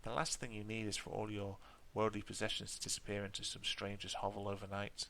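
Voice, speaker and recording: A man reads a solo tabletop adventure aloud and stops now and then for hesitant, rambling asides. His voice is low but bright and forceful. A faint hiss sits behind it. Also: monotone, a little fast, gravelly, low-quality recording. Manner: hesitant asides with fillers and restarts. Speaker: solo tabletop game player. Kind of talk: reading a gamebook aloud with casual asides.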